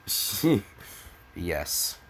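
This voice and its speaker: A man with a voice on the low side, over slight background noise, performs a mocking dramatic reading of fan fiction for comedy, breaking off into crude, exasperated, sarcastic commentary.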